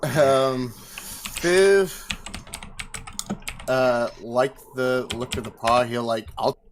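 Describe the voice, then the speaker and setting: A man's voice: medium pitch, drawn-out words, a little hiss or hum. A man playing in a tabletop game on a video call, hesitant and stumbling over his words. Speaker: player. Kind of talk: casual chat on a video call.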